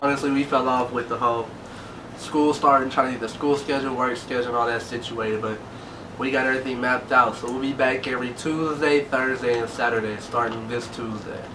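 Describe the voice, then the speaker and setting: A twenty-year-old man talks in a laid-back, slangy way during a vlog Q&A, his voice at an ordinary pitch for a man. He sits some distance from the mic, with a clear layer of background noise around him. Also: fairly even intonation, fairly quick. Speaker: vlog co-host. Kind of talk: casual Q&A chat.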